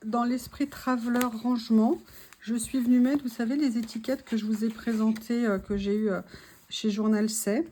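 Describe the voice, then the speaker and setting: A woman's voice: a little high, fairly even intonation, normal speed, mellow, a little hiss or hum. A woman narrating her journal crafting casually, chatty and hesitant as she describes each step. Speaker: journaling vlogger.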